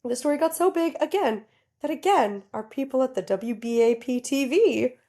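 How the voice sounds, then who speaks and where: A woman co-hosting a podcast, telling a story in casual chat, giggly and animated, talking straight to her listeners. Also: high voice, normal speed. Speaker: podcast co-host.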